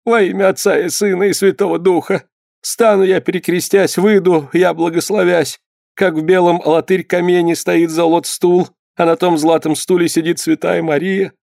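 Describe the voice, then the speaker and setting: Give me a man playing a terrified old village healer woman, high and wailing. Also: little pitch movement, moderate pace, gravelly, darkish tone, dry recording, clean studio sound. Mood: chanting. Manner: wailing, pleading, sing-song chanting.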